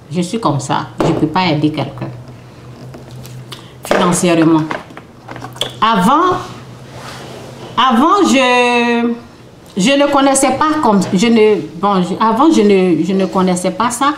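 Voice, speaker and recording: A woman author from Côte d'Ivoire gives an informal spiritual talk to an audience, speaking off the cuff, restarting phrases and often checking in with listeners. Her mid-range voice carries a slight hiss or hum, and the recording has a roomy echo.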